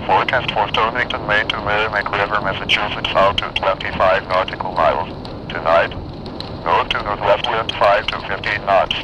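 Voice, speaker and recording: Low mechanical guy voice reading the weather over a hissy radio. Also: steady tone, normal speed. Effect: heard over a weather radio. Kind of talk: automated forecast reading. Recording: noisy radio reception with hiss.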